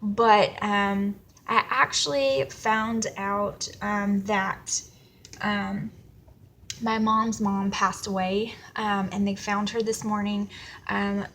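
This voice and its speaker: A woman's voice: medium pitch, little pitch movement, slow pace, fairly bright tone, a little hiss or hum. A woman from Alabama with a Southern US accent, chatting casually and in a rambling, self-effacing way as she hosts a planner video. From Alabama, United States. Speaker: vlogger.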